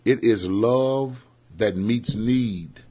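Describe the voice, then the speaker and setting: A male preacher co-hosting a radio program, fervent and emphatic, drawing out his key words. His voice is fairly low with a husky edge, and he rises in pitch as he builds to a point. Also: extremely slow, mellow. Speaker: co-host, preacher. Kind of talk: preaching in conversation. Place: radio studio.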